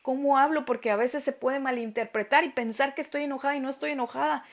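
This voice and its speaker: Loud, emphatic woman teaching the Bible. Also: high voice, fairly even intonation, fast talker, dull audio. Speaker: women's group Bible teacher. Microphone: phone.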